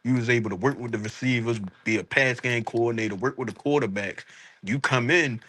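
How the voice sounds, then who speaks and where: A man's voice: medium pitch, brisk, fairly bright tone, a little hiss or hum. A man talking sports casually and emphatically in street slang, often checking that the listener follows. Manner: emphatic, repeats rhetorical check-ins.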